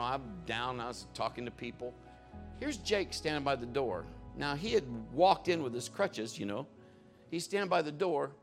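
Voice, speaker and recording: A creaky, medium-pitched male voice belongs to a pastor preaching during a church service. He shares stories as if in conversation, bringing them to life by voicing the people he quotes.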